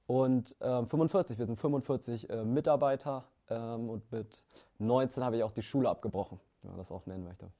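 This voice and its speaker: A young man in his twenties talks about his path as a company founder in a relaxed interview. His voice is mellow and dark, and he often restarts sentences and fills pauses with hesitations. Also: mid-range voice. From Germany. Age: 20s. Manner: relaxed, many fillers and restarts. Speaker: founder and CEO, interview guest. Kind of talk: casual interview answers.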